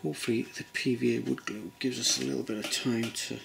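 A middle-aged English man giving a relaxed modelling tutorial at his workbench, thinking aloud with many pauses and ums. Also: mid-range voice, creaky, background noise. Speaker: model railway builder. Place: workbench at home.

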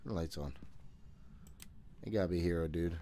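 Deep and dark-toned, this man's voice moves a little fast. He's a gaming streamer in his thirties playing a horror game in a small room at home, talking to himself jumpily and cursing a lot as he comments live.

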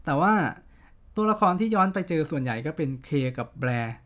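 A man's voice: on the high side, animated, fairly quick, a bit bright. A man doing let's-play commentary, speaking candidly and grumbling about the game he is playing. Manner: candid, grumbling, frequent laughs. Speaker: game streamer.

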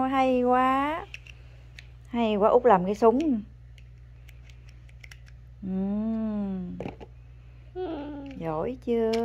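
A woman chatting at home with her toddler as a mother, coaxing and praising in a patient, gentle way. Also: fairly high pitch, a little hiss or hum. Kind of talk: casual family chat to a small child. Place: home, indoors.

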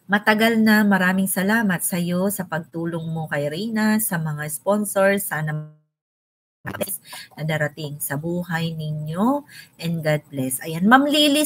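A woman's voice: fairly low pitch, fairly bright tone. Chatty woman hosting a live stream. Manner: chatty, greets viewers by name. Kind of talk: casual live stream chat.

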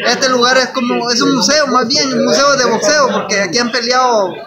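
A young man from Guatemala, a boxer, giving an earnest, halting press-day interview with many restarts. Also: very high-pitched, steady tone. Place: large crowded indoor hall at a press event. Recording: loud crowd chatter in big hall. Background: loud crowd chatter.

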